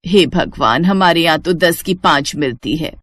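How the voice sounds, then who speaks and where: A caring older village mother from a cartoon story, her voice sitting a little lower than a young woman's, fussing and scolding her sons with warmth, as a woman puts her on. The tone is homely and worried. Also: moderate pace, no room sound, clean studio sound.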